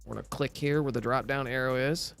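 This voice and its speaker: With a brisk, gravelly, somewhat bright mid-range voice and a steady tone, a man narrates a casual game tutorial over soft background music. His voice is scratchy from a recovering illness, and he plainly walks through each step in an instructional way.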